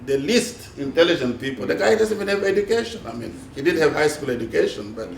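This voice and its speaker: A man's voice: a little high, very animated, fast, creaky. Older man, hesitant panelist. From DR Congo. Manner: hesitant, many uh fillers, laughing asides. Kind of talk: panel discussion, telling anecdotes. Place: conference hall panel. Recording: roomy hall, distant mic, faint noise.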